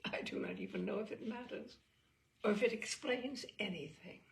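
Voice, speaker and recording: A woman with a gravelly, medium-pitched voice reads a first-person literary short story. Her delivery is measured and expressive, and she lingers on phrases.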